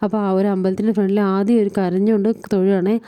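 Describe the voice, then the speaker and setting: A woman's voice: medium pitch, little pitch movement, racing, mellow, clear, resonant tone. A woman casually recapping a TV serial episode, retelling scenes and quoting each character's lines in turn.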